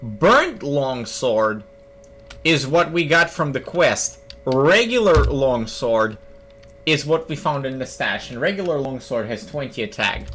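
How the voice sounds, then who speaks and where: A young male streamer jokes and thinks aloud while casually commenting on the video game he's playing, with faint game music behind him. His mid-range voice is very animated and fairly bright, his pace unhurried, and there's a slight hiss or hum on the recording.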